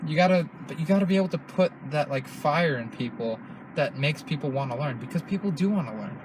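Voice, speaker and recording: A man's voice: fairly high pitch, animated, fairly quick, slight background noise, poor audio. A young man hosting a podcast in casual chat, rambling and cursing with many restarts. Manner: rambling, profane, restarts often. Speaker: podcast host.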